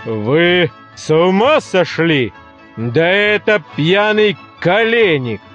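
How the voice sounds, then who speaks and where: A man voicing a pompous old village head who barks slow, blustering orders. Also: sits high, lively intonation, fairly bright tone, muffled recording, soft background music, pitched above the performer's own voice, full character voice. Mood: indignant. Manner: blustering, commanding, drawn out.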